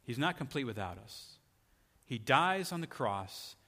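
A man's voice: mid-range voice, very animated, unhurried, sharp tone. A man preaching a sermon in a conversational way, often asking his listeners rhetorical questions. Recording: long hall reverb.

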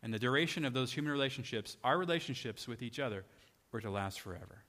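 A man's voice: mid-range voice, animated, quick pace, a bit bright. A man preaching a sermon in a conversational way, often asking his listeners rhetorical questions. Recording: long hall reverb.

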